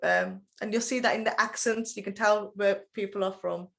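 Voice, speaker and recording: A woman's voice: mid-range voice, fairly even intonation, moderate pace, vocal fry, fairly bright tone. A woman leading an online training session, explaining things in a chatty way and checking in with the listeners. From United Kingdom. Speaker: intercultural trainer.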